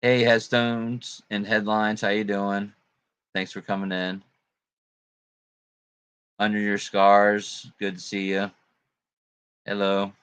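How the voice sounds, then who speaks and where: A man's voice: on the low side, level tone, slow pace, long pauses, fairly bright tone, smooth, no room sound. A man hosting a casual livestream, greeting viewers and chatting in a laid-back way with plenty of fillers and laughs. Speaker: livestream host.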